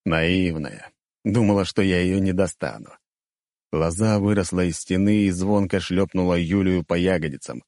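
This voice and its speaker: A man narrating a fantasy audiobook in the first person, measured and even. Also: deep voice, dry recording, studio quality.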